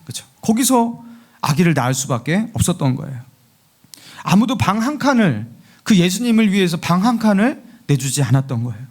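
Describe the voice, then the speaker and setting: A male pastor preaches a sermon in a lively storytelling manner. He keeps asking the congregation rhetorical questions. His voice sits notably high for a man. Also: brisk.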